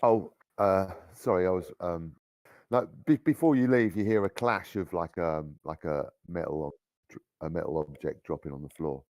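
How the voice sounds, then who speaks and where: A man running a tabletop horror game as game master, talking in a halting way with many restarts. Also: low-pitched, darkish tone, no echo.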